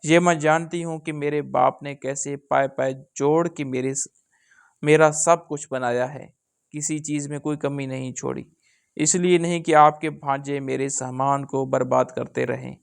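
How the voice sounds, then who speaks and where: A man voicing a tired young wife who pleads for rest, in a gravelly voice. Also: medium pitch, fairly even intonation, close to an everyday voice. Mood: pleading.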